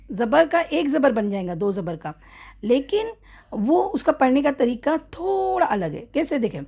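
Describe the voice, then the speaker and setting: A woman with a high-pitched, creaky voice, slightly rough and a little mellow, teaches Quran recitation rules in a relaxed online lesson. She goes step by step, checks in with her students often, corrects her own slips, and slowly models drawn-out example words.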